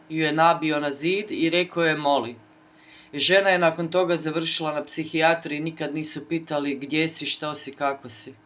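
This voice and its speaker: A woman from Croatia, the channel host, commenting with short, blunt interjections and a brief story. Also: deep voice. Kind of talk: reaction commentary.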